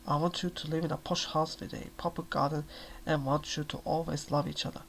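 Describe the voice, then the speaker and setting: A male reader takes on the role of a worn-out, desperate young mother in a soft-spoken ASMR reading, sounding raw, pleading and tearful. The gravelly, slightly high voice stays level and brisk, and faint noise can be heard behind it.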